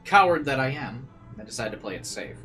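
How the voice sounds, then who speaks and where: A man plays a visual novel, reading its narration aloud with drama and throwing in casual commentary as game music plays behind him. His mid-range voice is very animated, brisk and sharp.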